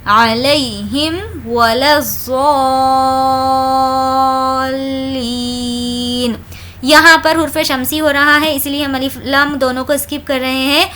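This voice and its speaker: A woman teaching recitation, patiently explaining each rule and then reciting the verses slowly. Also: sits high, little pitch movement, pushed and bright, faint music behind. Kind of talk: tajweed lesson with slow recitation.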